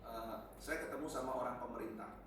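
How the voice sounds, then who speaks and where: A male pastor giving a conversational sermon with sudden loud, high bursts for emphasis. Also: fairly even intonation, fairly quick. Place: church hall. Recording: echoey hall, distant mic, faint noise.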